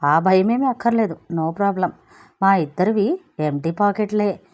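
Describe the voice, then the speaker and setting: Woman voicing an excitable young man. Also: medium pitch, a little slow, natural voice. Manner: exclamatory, mixes English words.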